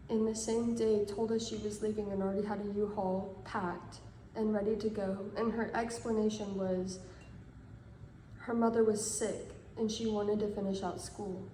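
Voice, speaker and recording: A woman in her twenties giving a measured, earnest statement straight to camera. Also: medium pitch, dark tone, echoey room, slight background noise, rough recording. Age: 20s.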